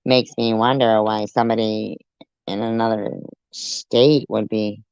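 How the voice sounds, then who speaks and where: A commentator with a deep pitch-shifted voice, reacting to a clip with blunt, profane sarcasm. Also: little pitch movement, a little slow, a little mellow, clean tone, no echo, lo-fi sound. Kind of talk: ranting commentary.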